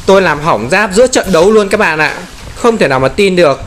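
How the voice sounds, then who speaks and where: Guy yelling and taunting through game commentary, kinda high voice, faint hiss behind. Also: lively intonation, fast. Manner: exclaims often, taunts enemies playfully. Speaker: gameplay commentator. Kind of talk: excited gameplay commentary.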